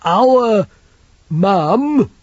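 A man voicing a big, simple-minded young man who talks slowly and plaintively, like a lost child. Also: high-pitched, lively intonation, no room sound, voice pushed up, full character voice. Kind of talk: audiobook character voice. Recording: dull lo-fi recording.

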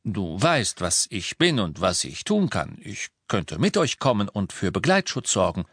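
A man's voice: fairly low pitch, sing-song, unhurried, a bit bright, slightly rough, no echo, clean studio sound, heavily acted. A man reading the part of a weary, guarded middle-aged werewolf teacher in an audiobook, his speech tense and clipped.

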